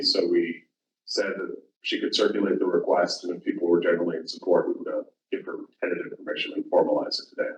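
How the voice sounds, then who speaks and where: Here a man with a lowish, darkish voice leads a public commission meeting amid slight background noise. His manner is informal and halting, with frequent self-corrections, and the council room audio comes across as roomy, distant and dull.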